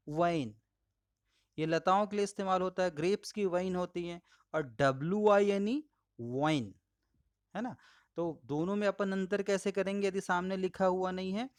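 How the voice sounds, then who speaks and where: A man's voice: a little high, clear, resonant tone, dry recording, studio quality. A middle-aged man giving a spoken language lesson, explaining patiently, often checking with listeners and calling them friends. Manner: explanatory, addresses viewers as friends, frequent checking asides. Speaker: language teacher.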